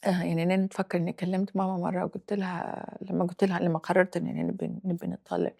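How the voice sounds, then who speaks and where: Woman, 40s, Libyan accent, gravelly edge, reflective, halting, interview guest. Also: lowish voice, level tone, darkish tone. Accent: Libyan Arabic. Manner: reflective, halting, mixes in English phrases. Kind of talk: personal interview.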